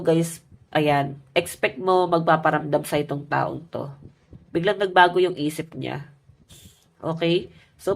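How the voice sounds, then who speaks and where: Low-voiced woman with a stuffy nose. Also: creaky. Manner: chatty, addresses viewers as guys. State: stuffy, nasal from a cold. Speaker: tarot reader. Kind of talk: casual love tarot reading.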